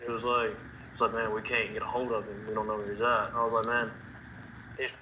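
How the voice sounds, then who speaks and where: A man recounting a night's events in a halting way, repeating himself and quoting others. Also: lowish voice, little pitch movement. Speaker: person recounting events in a recorded interview. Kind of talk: recounted testimony. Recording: dull lo-fi clip with background noise.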